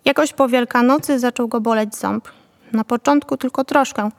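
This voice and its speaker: A woman narrating a novel in a calm, even storytelling manner. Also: a little high, moderate pace, gravelly, in a large hall. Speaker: audiobook narrator.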